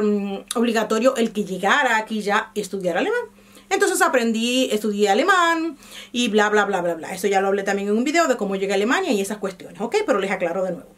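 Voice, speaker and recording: A woman, chatting casually to camera as a vlogger and calling her viewers "my loves". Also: a little high. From Dominican Republic. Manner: chatty, addresses viewers as "mis amores".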